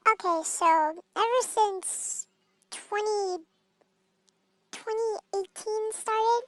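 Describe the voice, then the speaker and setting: A man talking through a voice changer that turns his voice into a squeaky little kid, teasing and mock-innocent in a casual vlog aside. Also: drawn-out words, fairly bright tone, heavily acted. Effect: voice changer pitching the voice up to a squeaky kid tone.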